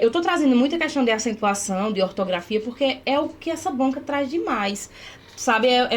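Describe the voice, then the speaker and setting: A woman's voice: on the high side, a little hiss or hum. A woman teacher working through exam questions step by step, often checking in with her students. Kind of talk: exam-prep grammar lesson.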